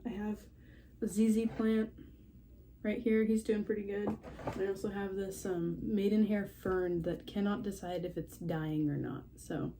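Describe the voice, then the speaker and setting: A young woman who breeds horses vlogs an update from home among her houseplants, stuffy and a little scratchy from a cold. She rambles and chats, self-deprecating and laughing often. Her mid-range voice is mellow and steady at a measured pace.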